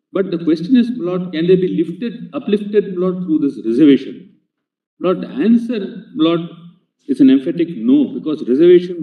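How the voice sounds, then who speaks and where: A man arguing a legal case before a court, formally addressing the bench with "my lord" at nearly every phrase. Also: on the high side. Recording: tinny, echoey courtroom feed from a distant mic.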